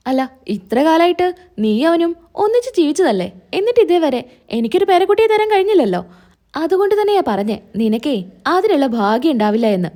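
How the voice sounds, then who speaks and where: A woman's voice: high voice, sing-song, brisk, mellow, voice pushed up. A woman doing a harsh, scornful mother-in-law. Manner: harsh, cutting, commanding.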